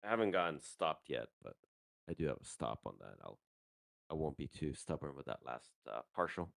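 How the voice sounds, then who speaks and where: With a very deep, creaky voice that swings widely in pitch, a man runs a live trading stream at a slightly quick pace. He chats loosely about his trades, full of fillers and the odd curse, into a handheld mic, and there's no echo.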